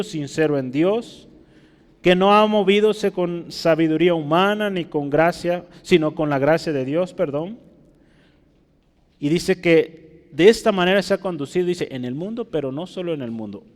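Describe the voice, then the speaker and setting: A man's voice: on the high side, a little mellow, in a large hall. A man preaching an expository sermon in a church, explaining scripture and Greek words while turning to his listeners with frequent rhetorical questions. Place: church hall.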